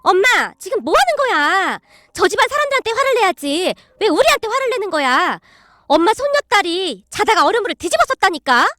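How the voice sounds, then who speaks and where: Woman putting on a shrill, indignant middle-aged mother. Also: very animated, a little fast, dry recording, studio quality, full character voice. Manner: whiny, defensive shouting.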